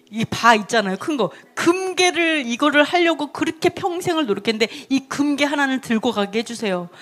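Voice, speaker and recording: A woman preaching a sermon in a chatty storytelling way, laughing often and asking her listeners questions. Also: high voice. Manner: asks the audience questions.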